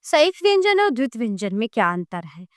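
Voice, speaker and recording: A woman's voice: on the high side, big pitch swings, fast, no room sound, studio quality. A woman teaching a grammar lesson from an ebook, reading out definitions and listing letters one at a time, with brief asides to her students.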